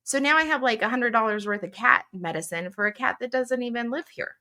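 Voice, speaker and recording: A middle-aged woman co-hosting a podcast, telling stories in casual chat, animated and laughing often. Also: a little high, brisk. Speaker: podcast co-host.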